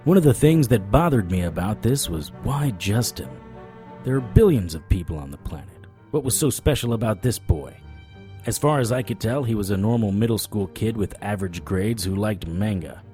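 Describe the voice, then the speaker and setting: In an audio drama, a male actor with a low-pitched, dark-toned voice plays a wry, stubborn occult investigator. He talks and narrates in a conversational noir style.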